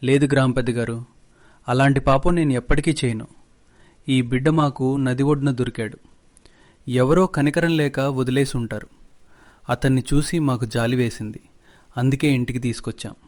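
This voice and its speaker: A man's voice: medium pitch, fairly even intonation, normal speed, pauses often, a little mellow, natural voice. A man voicing a poor, humble farmer who pleads for help for his son. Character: poor humble young farmer, a worried father.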